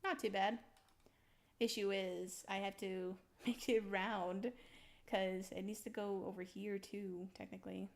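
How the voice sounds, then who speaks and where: A young woman casually talking through her building in a video game, rambling slowly with lots of ums and little laughs. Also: mid-range voice, little pitch movement, creaky. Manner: slow, rambling, giggly, full of ums. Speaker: streamer building in a survival game. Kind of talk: casual gameplay commentary.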